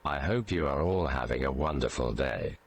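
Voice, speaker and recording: Text-to-speech doing a courteous AI helper bot, booming low and gravelly, lively lilt, crowd noise behind. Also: normal speed. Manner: formal, courteous announcer tone. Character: polite male AI companion bot. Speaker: stream alert voice.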